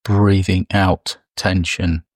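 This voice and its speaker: Male meditation guide, unhurried and gentle, lowish voice, dry close recording. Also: little pitch movement, no room sound. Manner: slow, soft, soothing delivery with long pauses.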